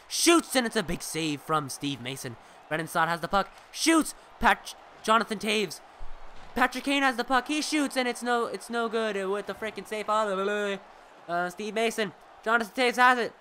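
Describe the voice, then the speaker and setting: A man doing amateur play-by-play commentary of a hockey video game, excitable and shouting on big plays, with casual profane asides to viewers. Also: high voice, slight background noise.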